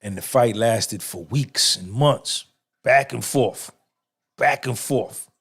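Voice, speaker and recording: A man's voice: medium pitch, slow pace, gravelly, a bit bright, breathy edge. A middle-aged man hosting a podcast, giving an emphatic, swaggering motivational monologue full of repetition and cursing. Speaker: podcast host.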